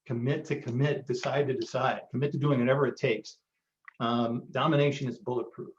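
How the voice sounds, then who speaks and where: A man's voice: mid-range voice, steady tone, a little fast. A man hosting a live online marketing workshop, giving a motivational pep talk with frequent ums. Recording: roomy, dull lo-fi sound.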